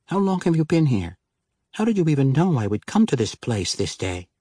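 Man doing a wry hushed halfling spy. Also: fairly high pitch, big pitch swings, moderate pace, husky, dry recording, pitched above the performer's own voice.

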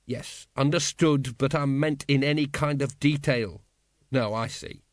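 A man voicing a weary, hungover middle-aged male watch captain, dry and deadpan. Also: medium pitch, a little slow, no echo, close to an everyday voice.

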